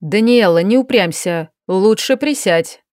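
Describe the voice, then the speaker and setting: A woman's voice: mid-range voice, lively intonation, unhurried, darkish tone, no room sound, studio quality, lightly acted. A woman voicing a weak, submissive young man who mutters and pleads. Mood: pleading.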